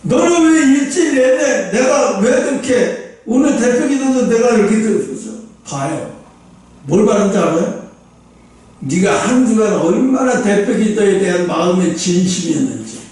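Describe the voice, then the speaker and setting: A male pastor preaches in a high voice, asking his congregation question after question. His delivery jumps between loud outbursts and quiet asides. The sound rings heavily in a church hall, picked up from well back. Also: normal speed. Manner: animated preaching, swings from loud bursts to low asides; speaks directly to the congregation with rhetorical questions. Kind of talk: sermon. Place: church sanctuary. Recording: echoey church hall, mic at a distance.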